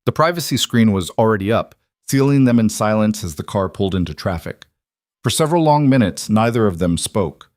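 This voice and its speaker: Low-voiced man narrating drama. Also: expressive, a little mellow, no echo, clean studio sound. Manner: measured, dramatic storytelling. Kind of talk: scripted narration.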